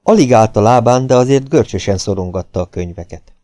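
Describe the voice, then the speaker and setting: Mellow-voiced man reading a novel. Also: medium pitch, dry recording, studio quality. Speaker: audiobook narrator. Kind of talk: scripted narration.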